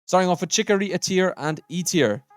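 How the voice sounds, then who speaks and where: A man's voice: high-pitched, expressive, brisk, no echo. Opinionated man ranking game characters. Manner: opinionated, thinking aloud while sorting. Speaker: gaming YouTuber. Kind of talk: casual tier-list commentary.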